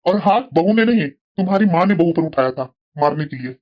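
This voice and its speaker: A voice actor playing a fair-minded older father-in-law in a cartoon drama, calm and firm. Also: mid-range voice, a little fast, close to an everyday voice. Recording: dull lo-fi audio.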